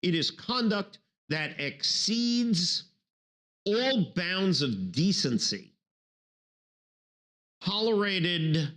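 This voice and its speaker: A man's voice: high voice, extremely slow, long pauses. A man from Brooklyn, giving a law lecture full of jokes and playful put-on voices. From New York City, Brooklyn. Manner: jokey, animated, acts out silly voices. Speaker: law professor. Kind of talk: recorded bar review lecture.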